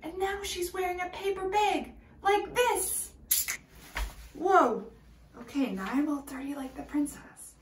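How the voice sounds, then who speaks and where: This time her pitch is extremely high and her pace unhurried, with a little hiss or hum in the recording. The woman teacher reads a picture book aloud to young kids, expressive in the storytelling and given to quiet, whispered asides.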